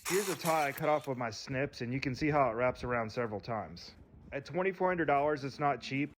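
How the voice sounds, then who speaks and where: A man's voice: mid-range voice, expressive, fairly quick, slight background noise. A man giving a matter-of-fact demo of a tool at a construction site. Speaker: tool reviewer. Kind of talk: product demo narration.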